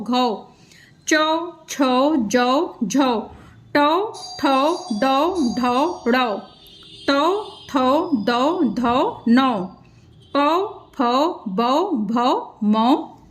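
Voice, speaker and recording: High-voiced woman teaching slow syllables. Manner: spells out syllables slowly and stretches each word; patient explaining. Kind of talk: children's Hindi reading lesson.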